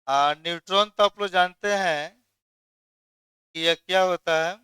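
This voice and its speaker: Male chemistry tutor, high clear voice, dry close sound, quizzes the class and supplies the answers. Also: a little slow, pushed and bright, no room sound. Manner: quizzes students, then answers his own questions. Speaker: chemistry teacher. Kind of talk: classroom lecture.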